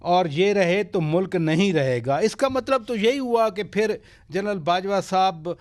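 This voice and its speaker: A middle-aged man with a Pakistani Urdu accent, hosting a formal current-affairs talk show with a brisk anchor delivery and probing questions. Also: sits high, animated.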